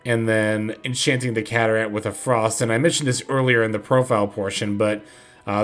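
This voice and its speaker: A man's voice: medium pitch, fairly bright tone. A man hosting a card game channel, thinking aloud in easygoing commentary while he plays. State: has the hiccups. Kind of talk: casual gameplay commentary.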